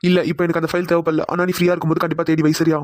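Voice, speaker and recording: A woman's voice: low voice, flat delivery, rapid-fire, darkish tone, dry recording, studio quality, natural voice. A woman doing a teasing young male boss. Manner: playful, teasing, bossy. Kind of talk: cartoon voice acting.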